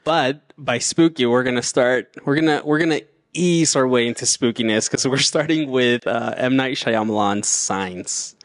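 A man co-hosting a casual movie podcast. He talks in a relaxed, thoughtful way and often trails off and starts over. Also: mid-range voice, normal speed, hardly any pauses, no room sound, studio quality. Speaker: podcast co-host. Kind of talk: casual chat.

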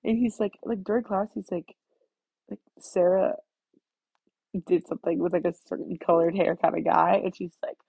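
A teenage girl with a nasal voice, rambling fast through a casual solo vlog, full of "like". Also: on the low side, creaky, dark tone, breathy edge, no room sound. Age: teens. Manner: fast-talking, scattered, full of "like". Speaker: student vlogger.

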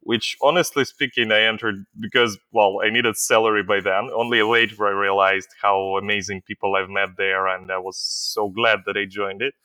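A middle-aged man from Ukraine recounts his past as an interview guest, pausing often on fillers. His voice sits low yet sounds bright and crisply clear. The sound is dry, with almost no room echo. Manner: hesitant, many fillers. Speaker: company CEO, guest. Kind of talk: interview storytelling.

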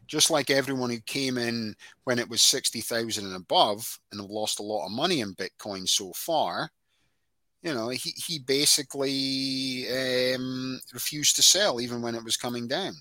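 A man co-hosting a casual chat, making his points emphatically as he builds them up in quick lists. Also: medium pitch, pushed and bright, no echo. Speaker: podcast co-host.

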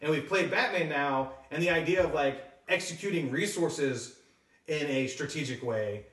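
A man co-hosting a podcast, thinking out loud in a rambling, casual way. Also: a little high, moderate pace, distant mic. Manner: rambling, thinks aloud with fillers. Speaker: podcast co-host. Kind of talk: casual board game podcast chat. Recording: roomy sound, a bit off mic.

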